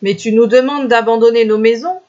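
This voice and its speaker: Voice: medium pitch, brisk, a little mellow, highs cut off, pitched above the performer's own voice, natural voice. A reader doing a doubting old village elder. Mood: doubtful. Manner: questioning, reasoning.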